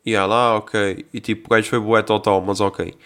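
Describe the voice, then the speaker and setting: A young man with a European Portuguese accent, rambling casually as a podcast host and acting out dialogue in quick quotes. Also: fairly low pitch, little pitch movement, fairly bright tone. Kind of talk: casual monologue.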